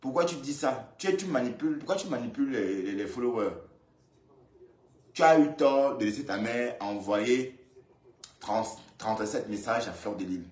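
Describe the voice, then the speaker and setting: Echoey male commentator scolding. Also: lowish voice. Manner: lively, scolding and repetitive, addressing her directly. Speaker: commentator reacting to a live video. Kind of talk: casual commentary. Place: indoors, in Brussels. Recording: roomy echo.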